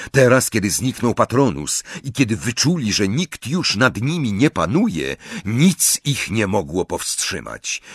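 A man's voice: on the low side, a bit bright, slightly rough, no echo, clean studio sound. A man narrating an audiobook in a dramatic, varied storytelling manner. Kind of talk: scripted narration.

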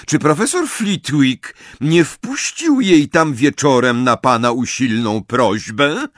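A man's voice: mid-range voice, lively intonation, slow pace, fairly bright tone, dry recording, clean studio sound, voice pushed up. A male audiobook reader voicing a stern, older female professor with a cold, clipped, impatient manner. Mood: icy. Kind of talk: audiobook character reading.

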